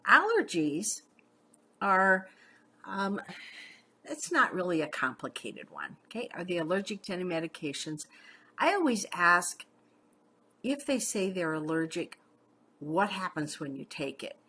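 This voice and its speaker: A middle-aged woman, a paramedic instructor, teaches a class in a casual, chatty style, often checking in with "okay?" and sharing personal stories. Her voice is fairly low, very animated, bright and forceful, with a measured pace and frequent pauses. There is a little hiss or hum in the background.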